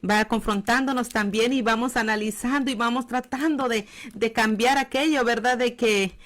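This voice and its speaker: A woman's voice: fairly high pitch, moderate pace, fairly bright tone. Woman affirming a Bible teaching. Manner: affirming, punctuates with amen and exactly. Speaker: co-host, pastor's wife.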